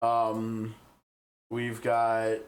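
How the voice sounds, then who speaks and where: A man's voice: fairly low pitch, completely flat delivery, extremely slow. A man with a Midwestern American accent, chatting casually on a live game stream and thinking aloud as he reads. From Midwestern United States.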